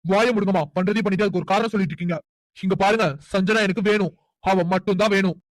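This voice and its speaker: A rapid-fire, hot-headed cartoon young man, as a performer voices him, possessive and demanding, speaking in a mid-pitched voice. The recording is dry and close. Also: fairly even intonation, no room sound, lightly acted, low-quality recording. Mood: angry. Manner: shouting, demanding. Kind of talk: cartoon voice acting.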